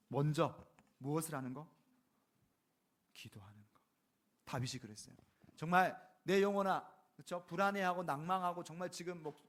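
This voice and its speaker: A man with a fairly high voice preaches a sermon in an easy, conversational way, breaking off again and again to ask the congregation "right?" When he reads scripture he slows down and takes each phrase deliberately. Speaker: pastor.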